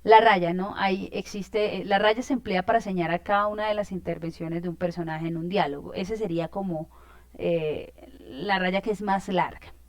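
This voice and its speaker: A woman's voice: fairly low pitch, steady tone, normal speed, no echo. A woman teacher, explaining a lesson in an informal way, with many fillers and check-in questions.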